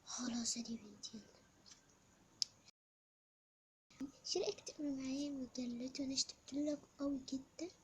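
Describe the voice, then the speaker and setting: A young performer voicing a tender father who speaks gently and apologizes, in a whispered role-play. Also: high-pitched, steady tone, fast, a little hiss or hum, close to an everyday voice. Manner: soft, affectionate, apologetic. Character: tender doting father back from work.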